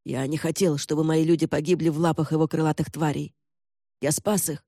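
A man's voice: on the high side, level tone, a little fast, warm tone, dry recording, studio quality. A man voicing a curt, commanding old lord. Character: older gaunt male lord, curt and commanding.

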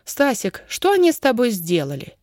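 A woman reading the part of a worried middle-aged mother who questions everyone quickly, in a dry recording. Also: fairly high pitch, huge pitch swings, a little mellow, dry recording, voice pushed up. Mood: surprised.

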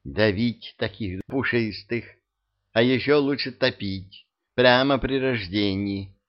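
A man voicing a brash, sharp-tongued young princess who speaks in curt, blunt retorts. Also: mid-range voice, slow pace, lightly acted. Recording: dull lo-fi audio.

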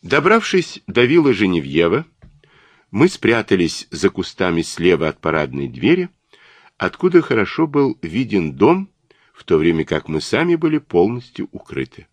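A man reads an audiobook with dramatic expression. His voice is lowish but moves lively through the sentences. The recording is close and dry. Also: normal speed, no room sound. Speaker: audiobook narrator. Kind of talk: scripted narration.

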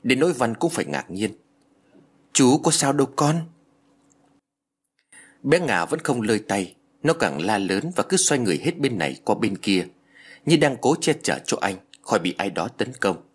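Husky man telling a ghost story. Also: on the low side, very animated, normal speed.

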